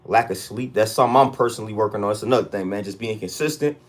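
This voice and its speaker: Male, American, lower-pitched voice. Livestream host chatting casually in street slang, leaning on repeated catchphrases to rally viewers. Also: very fast. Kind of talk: casual livestream check-in chat.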